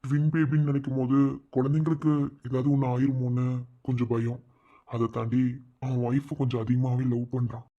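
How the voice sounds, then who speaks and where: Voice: medium pitch, flat delivery, brisk, mellow, dull audio, natural voice. A voice actor playing a worried young male relative who politely and hesitantly questions a doctor. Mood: anxious. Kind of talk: cartoon voice acting.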